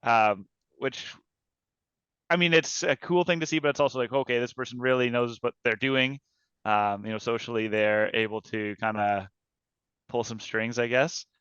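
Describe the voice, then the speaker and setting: A man, a former contestant, answering thoughtfully in a casual interview and pausing to rephrase. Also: mid-range voice, fairly even intonation, fairly bright tone, smooth, dry recording, lo-fi sound. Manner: thoughtful, hesitant, stops to rephrase.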